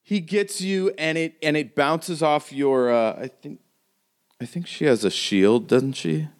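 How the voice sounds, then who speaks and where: A man's voice: a little high, unhurried. A man narrating a tabletop game as game master, casual and swearing freely. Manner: casual, swearing, laughing often.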